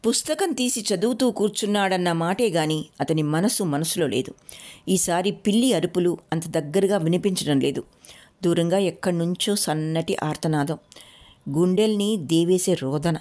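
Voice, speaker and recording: A woman storyteller reading a novel aloud in a calm, measured way. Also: lowish voice. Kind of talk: audiobook story narration.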